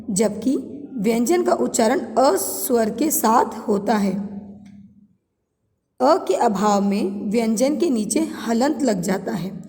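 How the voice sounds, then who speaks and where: Woman teacher explaining slowly in an echoey room. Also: fairly high pitch, mellow. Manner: reads a definition, then repeats and explains it slowly; addresses students directly. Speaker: Hindi teacher. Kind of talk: classroom grammar lesson.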